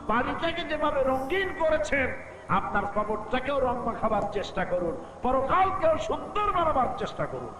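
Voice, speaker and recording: A man preaching a waz sermon, putting questions to the crowd and chanting Quranic verses in a drawn-out melody. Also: extremely high pitch, very animated, reverberant, background noise. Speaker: Islamic preacher.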